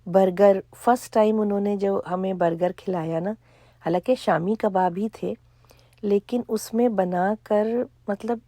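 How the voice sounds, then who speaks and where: A middle-aged woman, chatting casually in a cooking vlog, hoarse for now and full of chatty asides. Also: mid-range voice, steady tone, mellow, no room sound, clean studio sound. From Pakistan. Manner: chatty, storytelling with asides and quoted dialogue. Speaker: vlogger.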